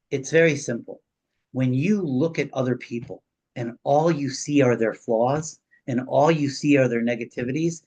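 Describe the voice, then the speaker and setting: A man's voice: medium pitch, low-quality recording. A male rabbi giving a Torah class, telling a story animatedly with frequent restarts and repeated words.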